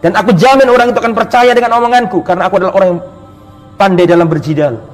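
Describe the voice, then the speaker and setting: A man's voice: sits high, rapid-fire, faint music behind, lightly acted. A man voicing an earnest, repentant male companion who pleads solemnly and sincerely.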